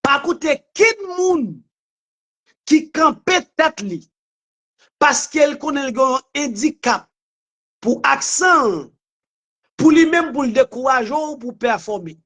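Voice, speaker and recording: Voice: high-pitched, animated, takes it slowly, long pauses, a bit bright. A commentator giving an impassioned motivational monologue, blunt and emphatic, repeating points and using crude words. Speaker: online commentator.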